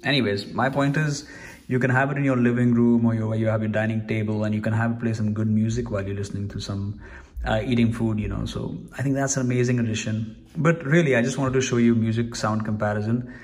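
A man's voice: fairly low pitch, steady tone, quick pace, a little mellow. A man giving a casual, rambling product review at home, chatty and full of restarts. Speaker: tech reviewer. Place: room at home.

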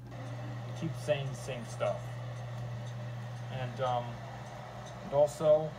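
Tired man venting in a casual rant, halting and filler-heavy, mid-pitched, with loud vehicle and air noise behind him. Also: steady tone. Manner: halting, many fillers and restarts. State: tired, exhausted. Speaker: ranter answering critic. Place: vehicle, leaving work.

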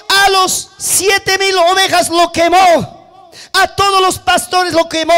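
A man preaching, voicing a panicked male servant who shouts bad news breathlessly. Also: very high voice.

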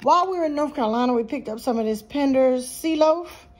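Talking briskly in a high, slightly mellow voice, a woman vlogs her grocery haul from her home kitchen with a handheld phone. Her chat to camera is casual and chatty, sprinkled with plenty of "you guys" and "um".

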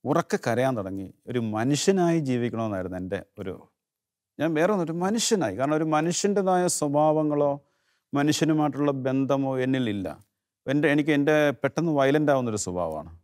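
Middle-aged man, from Kerala, earnest personal testimony, halting restarts, voice sinks quiet at moving moments, mid-pitched. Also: animated. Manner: earnest, halting, voice drops low when moved. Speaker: interview guest giving testimony.

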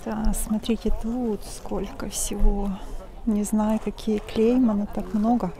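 A woman vlogging as she browses an outdoor flea market, musing slowly and often half-whispering to the camera. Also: mid-range voice, level tone, vocal fry, dark tone. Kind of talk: casual narration while shopping. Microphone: handheld phone camera. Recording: outdoor market crowd noise. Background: crowd chatter.

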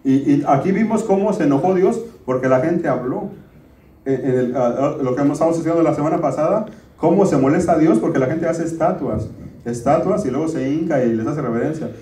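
A man's voice: on the high side, fairly quick, dark tone. Man preaching, distant and echoey. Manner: conversational preaching, often addressing "hermanos". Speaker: pastor. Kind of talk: sermon. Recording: roomy, distant church recording.

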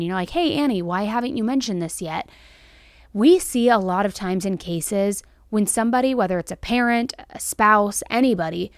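An American woman in her thirties delivers true crime commentary to camera in a chatty yet emphatic way. Her mid-range voice is captured dry and tight by a close podcast microphone on a stand in a small indoor studio set.

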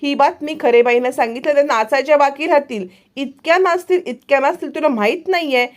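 A woman's voice: sits high, fairly quick, close to an everyday voice. Woman doing a snappy, bickering young woman. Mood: lively. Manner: indignant, bickering. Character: young sharp-tongued woman, quick to snap back.

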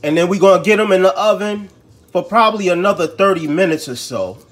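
A man's voice: sits high, lively intonation, fairly quick, a bit bright. Slangy, chatty cooking-show man. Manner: slangy, chatty, talks to viewers as he cooks. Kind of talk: casual cooking demo.

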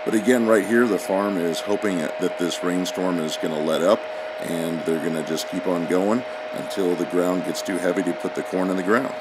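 A man giving steady, explanatory scripted voice-over narration. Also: low-pitched, moderate pace, heavy background noise. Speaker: channel narrator.

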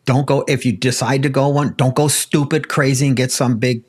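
An older American man with an average-pitched voice gives casual technical advice. He speaks in a folksy, conversational way. He sits close to a desk microphone. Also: steady tone, moderate pace, breathy edge. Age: older, around 60s. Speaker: ham radio panelist. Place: home radio room, indoors, video call. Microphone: close desk microphone with headphones.

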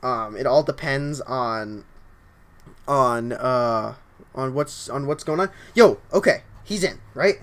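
A young man streaming a video game live, chatting casually and excitedly with his viewers as he reads their messages. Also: mid-range voice, slow pace. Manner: excitable, upbeat, often starts lines with "yo, honestly". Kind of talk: casual livestream chat while reading viewer comments.

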